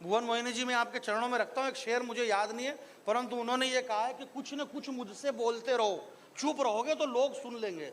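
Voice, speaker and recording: A man's voice: very high-pitched, a little fast, a bit bright, slight background noise. A man from Marwar performing as a stage poet, mixing joking asides with rising declamation at a live event. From Marwar, Rajasthan. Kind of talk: live poetry recital with banter. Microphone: stage microphone.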